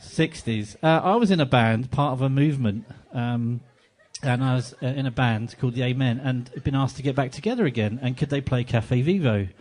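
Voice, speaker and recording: A man's voice: mid-range voice, brisk, hardly any pauses. A man hosting a live on-stage interview in a cafe, chatty and joking with his guests. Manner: jokey, chatty and animated. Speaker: interviewer and event host. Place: cafe venue with a live audience.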